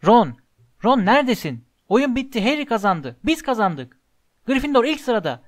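A man voicing an excitable schoolgirl in an audiobook, calling out in urgent exclamations. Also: very high-pitched, normal speed, pitched above the performer's own voice. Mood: excited.

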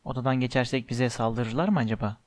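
A man's voice: mid-range voice, quick pace, a little mellow, pitched below the performer's own voice, lightly acted. A man voicing a jittery young schoolboy, grumbling and sarcastic. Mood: worried.

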